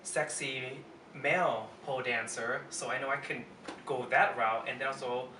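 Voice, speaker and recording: Interviewed as a guest, this pole performer in his twenties, born in Thailand and based in Las Vegas, responds in a relaxed way. His medium-pitched voice holds a steady, sharp tone at normal speed. A far-off mic picks up room reverb and a little background noise.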